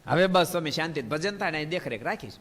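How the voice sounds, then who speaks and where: A man's voice: a little high, quick pace. A man giving a devotional sermon, telling stories and calling on listeners by name. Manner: animated storyteller, addresses listeners by name. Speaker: Swaminarayan religious speaker. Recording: reverberant hall.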